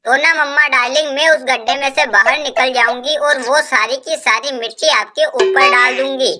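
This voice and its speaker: A woman's voice: sits high, normal speed. A woman voicing a cheeky young daughter-in-law who sweetly mocks. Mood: mocking. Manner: sweetly sarcastic. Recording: loud hiss behind the voice.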